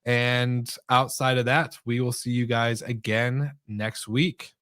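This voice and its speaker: A man co-hosting a hospitality podcast, chatting in a relaxed, friendly way and laughing easily. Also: mid-range voice, takes it slowly. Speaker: podcast co-host. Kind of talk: casual chat.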